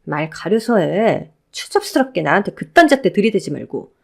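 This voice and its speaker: A cold, scornful divorced woman, voiced by a woman in an audio drama. She cuts her ex-husband down in clipped, cutting lines, her pitch swinging widely. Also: very animated, normal speed, creaky. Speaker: flight attendant.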